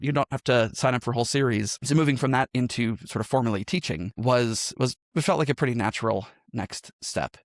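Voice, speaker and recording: This podcast guest, an improv teacher and game master, has a gravelly mid-range voice captured with clean studio sound and no room echo. Reflective and conversational, he recounts his story and keeps tossing in "right?" while explaining.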